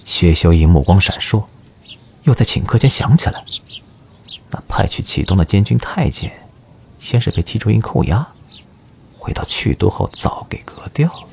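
A man narrating an audio drama in an expressive storytelling manner. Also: sits low, moderate pace, vocal fry, long pauses, slightly rough, in a whisper.

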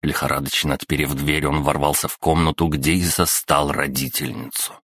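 Very deep-voiced male audiobook narrator. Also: moderate pace, no echo, clean studio sound. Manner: steady, expressive storytelling. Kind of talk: scripted narration.

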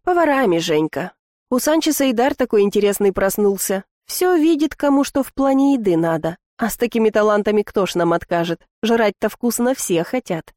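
A woman's voice: medium pitch, lively intonation, a little fast, darkish tone, dry recording, clean studio sound, natural voice. A woman doing a blunt slangy brother. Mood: proud. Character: brash grown-up man, heroine's long-lost brother.

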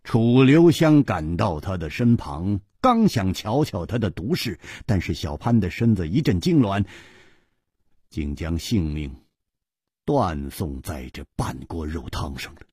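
Expressive husky male storyteller. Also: deep voice, a little slow, dry recording, studio quality. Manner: expressive, swinging between loud and hushed. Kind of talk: traditional Chinese storytelling.

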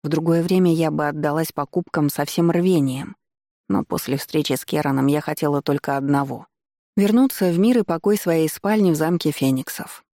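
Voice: mid-range voice, moderate pace, mellow, no echo, studio quality. Чтец ровно читает любовное фэнтези от первого лица.

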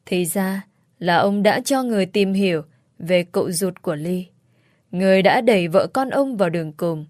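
A woman's voice: on the low side, moderate pace, no echo, studio quality. Woman narrating a dramatic story. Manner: steady storytelling.

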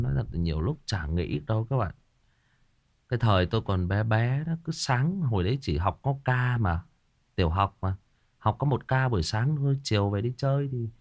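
A man, hosting a livestream, chatting casually with viewers and telling childhood stories. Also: on the low side. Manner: animated, chatty, addresses viewers and answers comments. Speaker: livestream host.

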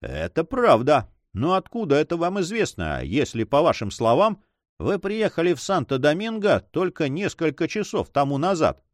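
Man doing a haughty noble count, audiobook, commanding, threatening, lively pitch, close dry sound. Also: normal speed, dry recording. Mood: demanding. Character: proud, hot-tempered male nobleman, a count. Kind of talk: audiobook reading.

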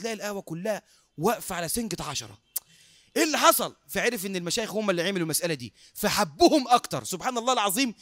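A man with an Egyptian accent preaching through a lively story, acting out the dialogue and laughing often. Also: high voice, no room sound, studio quality. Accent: Egyptian Arabic. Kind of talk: sermon storytelling.

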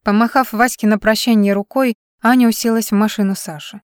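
A woman reading a novel aloud in a steady storytelling manner. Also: fairly high pitch, brisk, no room sound, studio quality. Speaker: audiobook narrator. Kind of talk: scripted narration.

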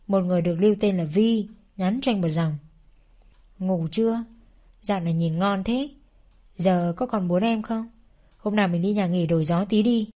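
Narrator: woman, mellow warm tone, steady measured storytelling, mid pitch. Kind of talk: first-person story narration.

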